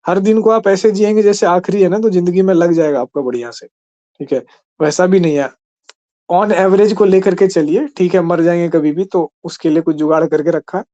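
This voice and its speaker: Man lecturing in a mellow voice. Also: high voice, normal speed, muffled recording. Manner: conversational, keeps asking "ठीक है?". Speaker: teacher. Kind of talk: exam-prep lecture.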